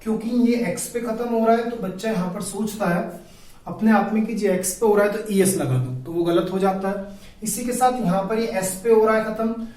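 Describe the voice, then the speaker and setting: With a high-pitched, warm voice, a man teaches grammar in a classroom-style video lesson, calling his audience brother, restating each point, and answering the questions he asks. The room is very echoey and he is recorded from a distance.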